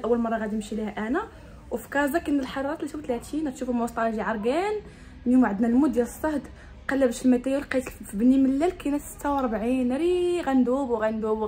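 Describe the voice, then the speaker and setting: A woman's voice: a little high, a little mellow, slight background noise, low-quality recording. A young woman with a Moroccan Arabic accent, chatting to viewers in a casual, upbeat phone vlog. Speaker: vlogger.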